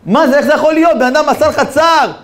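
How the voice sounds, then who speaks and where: A man voicing a middle-aged male taxi driver who is agitated and crying, pleading in a shrill, frantic voice. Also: wildly swooping pitch, dark tone, roomy sound, full character voice.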